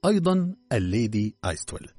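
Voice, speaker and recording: A man doing a calm, shrewd detective. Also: mid-range voice, breathy edge, no room sound. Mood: reflective. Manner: slow and reflective.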